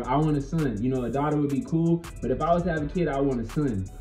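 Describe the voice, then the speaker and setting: This young American video host's voice is on the high side with a dark tone. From a small, echoey bedroom with bare walls, he gives an emphatic, slangy, blunt opinion monologue to camera, swearing in an offhand way.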